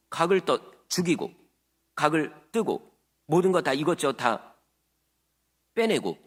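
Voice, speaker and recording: A man preaching a sermon as a pastor, emphatic, dropping to hushed lines and acting out the voices of churchgoers. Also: on the high side, long reverb tail.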